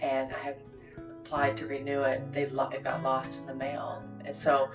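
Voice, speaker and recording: A Canadian woman and native English speaker, working as a host, tells a personal story candidly in casual conversation, tossing in conversational asides. Her voice is a rumbling low monotone at a moderate pace, with faint guitar music in the background.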